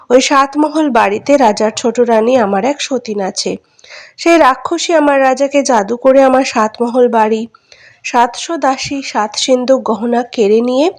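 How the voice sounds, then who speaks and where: A woman's voice: high voice, no room sound, clean studio sound. A woman doing a sorrowful grieving queen. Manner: mournful, tender pleading.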